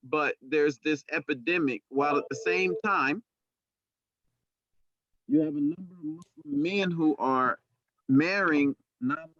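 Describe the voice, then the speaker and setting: A man's voice: a little high, a little slow, long pauses, a bit bright, no room sound. A middle-aged man moderating a panel over a video call, earnest and repeating words as he builds his point. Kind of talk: panel discussion. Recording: dry, dull video call audio.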